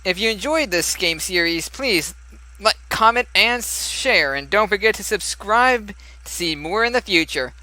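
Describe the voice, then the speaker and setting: A man's voice: sits high, expressive, measured pace, bright, forceful tone, no room sound, low-quality recording. A young man commentating as he plays a story game, chatty and musing aloud with frequent laughs. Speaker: let's play gamer.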